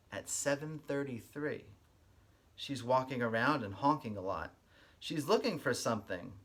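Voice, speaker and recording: A kindergarten teacher with a medium-pitched voice and a breathy edge performs an expressive read-aloud. He pauses to explain things plainly for his young listeners.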